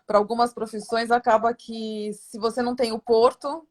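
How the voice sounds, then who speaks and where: Chatty woman host with a bright voice. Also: on the high side, flat delivery, normal speed. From Santos, Brazil. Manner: chatty, rambling, with many fillers and tag questions. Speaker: interview host. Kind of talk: casual interview chat.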